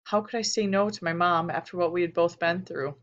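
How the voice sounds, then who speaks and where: Low-voiced woman narrating an audiobook. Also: fairly even intonation, fairly quick, lo-fi sound. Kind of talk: scripted narration.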